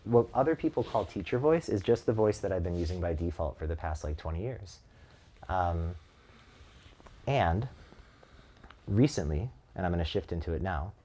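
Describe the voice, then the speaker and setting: Deep-voiced man speaking into a close mic. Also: lively intonation, moderate pace, long pauses, dark tone, a little hiss or hum. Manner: thoughtful, reflective, with frequent "like" and "um". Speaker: relating practice facilitator. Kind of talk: casual conversation.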